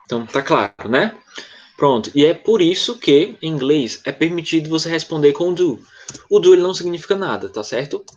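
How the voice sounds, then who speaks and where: A man's voice: on the high side, big pitch swings, a little fast. Patient Brazilian male teacher, muffled sound. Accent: Brazilian Portuguese. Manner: patient, repeats checks like "tá certo?" to students. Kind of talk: online English lesson explained in Portuguese.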